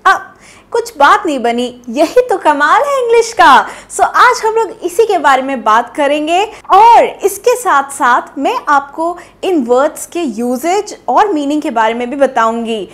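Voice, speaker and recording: A woman's voice: high voice, big pitch swings, takes it slowly, a bit bright. A young woman from India with an Indian English accent, teaching an English pronunciation lesson in a playful, chatty way full of rhetorical questions. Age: young adult. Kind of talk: online English lesson in Hindi and English.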